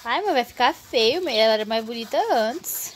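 High-voiced young Brazilian vlogger woman. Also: animated, moderate pace, noisy background. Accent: Brazilian Portuguese. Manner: chatty, addressing viewers as "gente". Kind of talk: casual vlog chat.

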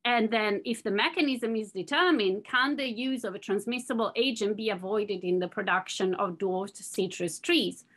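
Woman researcher, academic talk, measured delivery, mid-pitched voice. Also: fairly bright tone. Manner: measured, explanatory, with fillers. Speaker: scientist presenting research. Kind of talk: academic presentation.

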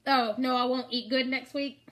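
Woman, middle-aged, fairly high voice, chatty, laughs often, casual snack-tasting vlog. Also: steady tone, normal speed, fairly bright tone. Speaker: vlog host.

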